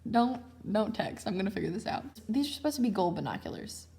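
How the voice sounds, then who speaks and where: A woman's voice: medium pitch, expressive, quick pace, vocal fry, dark tone. A young woman casually narrating a sketchbook tour, chatty and self-mocking, with lots of slang. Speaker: vlogger.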